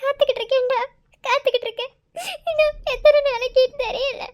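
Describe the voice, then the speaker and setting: Lady doing a super high-pitched crying young mom in a cartoon, sobbing as she talks. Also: fairly even intonation, quick pace, muffled recording. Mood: grieving. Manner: tearful, sobbing. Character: heartbroken young mother Sanju, crying. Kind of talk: Tamil cartoon voice acting.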